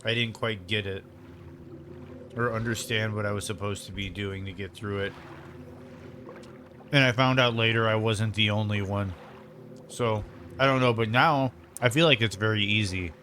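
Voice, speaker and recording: A man's voice: fairly low pitch, normal speed, pauses often, a little hiss or hum. Easygoing male gamer chatting mid-meal. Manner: rambling, relaxed, lots of fillers. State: eating while talking. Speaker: streamer playing a video game. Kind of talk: casual gameplay commentary.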